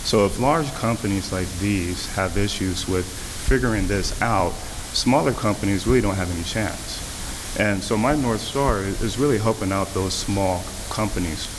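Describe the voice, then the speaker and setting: A man, a startup founder, speaking in a brisk and focused way on a panel. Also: lowish voice. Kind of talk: panel discussion answer. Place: event hall. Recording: echoey hall with clear hiss.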